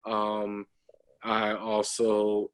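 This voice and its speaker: Man, 30s, low voice, flat delivery, hesitant, lots of ums, video call interview guest. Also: drawn-out words, smooth, rough recording. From United States. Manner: hesitant, many ums and restarts.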